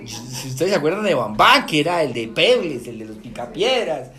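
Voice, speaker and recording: Animated Colombian man lecturing. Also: a little high, moderate pace. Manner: animated, asks rhetorical "¿sí?" checks often. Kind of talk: lively talk to an audience.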